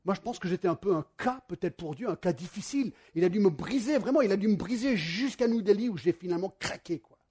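Husky high-voiced man preaching. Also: fast talker. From United States. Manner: animated storytelling, addresses the congregation directly. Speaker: pastor. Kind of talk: sermon.

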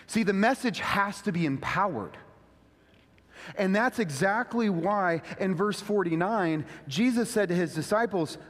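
High-voiced preacher in a reverberant hall. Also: male voice, measured pace. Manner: conversational, acts out quotes with lively voices. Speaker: pastor. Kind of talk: sermon.

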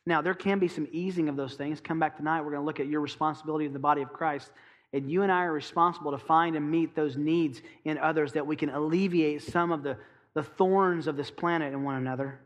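A pastor preaching a sermon, stressing key phrases and asking the congregation pointed rhetorical questions. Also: male voice, on the high side, steady tone, fast talker.

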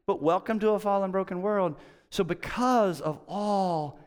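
A middle-aged man preaching a conversational sermon as pastor, telling stories animatedly and acting out quotes with sudden jumps in pitch. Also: a little slow, smooth. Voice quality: hard of hearing.

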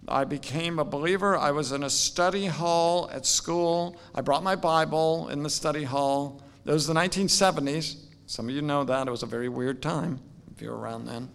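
A man in his sixties telling his personal faith story in a relaxed, conversational way, with many restarts. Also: on the high side, moderate pace, creaky, clear, resonant tone. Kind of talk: personal testimony talk.

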